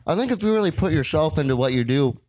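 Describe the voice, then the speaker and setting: A man's voice: on the high side, expressive, quick pace, a little mellow, dry recording. A man playing a bumbling amateur bottle artist in a radio comedy sketch, hesitant and rambling with many fillers. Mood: awkward. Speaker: interview guest.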